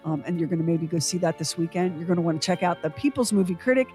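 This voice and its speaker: A woman's voice: on the low side, lively intonation, fast, dark tone, soft background music. A woman co-hosting a morning radio show, introducing a segment and reading promos in an upbeat manner.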